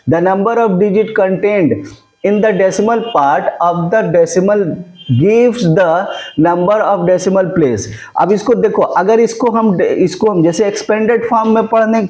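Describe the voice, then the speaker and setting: A man's voice: high voice, darkish tone. A man teaching a maths lesson, often checking that his students follow along. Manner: mixes Hindi with English terms. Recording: echoey room.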